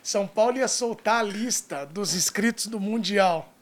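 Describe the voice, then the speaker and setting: A man's voice: sits high, moderate pace. A man hosting a casual talk show, chatting and prompting his guests to tell stories. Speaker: show host and sports journalist. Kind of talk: casual interview chat.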